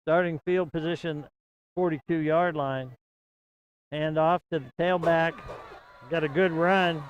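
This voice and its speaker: A man calling a local high school football game, folksy and chatty, getting excited on big plays. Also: a little slow, dull audio, a little hiss or hum. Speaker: play-by-play announcer. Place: outdoor broadcast stand at a football field.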